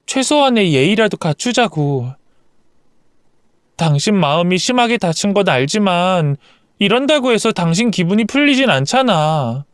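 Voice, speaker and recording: A man doing a gentle young wife. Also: sits high, big pitch swings, normal speed, clean tone, no room sound, clean studio sound. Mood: pleading. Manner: pleading, soothing.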